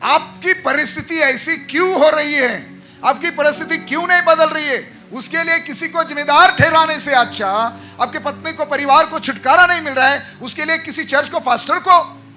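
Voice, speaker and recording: A man's voice: extremely high pitch, pushed and bright. A man preaching a sermon as pastor, exhorting the congregation with repeated rhetorical questions.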